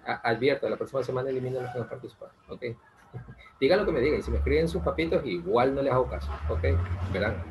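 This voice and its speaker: A man, teaching English in an online class, joking and drawing out example words slowly, often checking in with "ok?". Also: medium pitch, vocal fry, a little mellow, a little hiss or hum, rough recording. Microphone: video call.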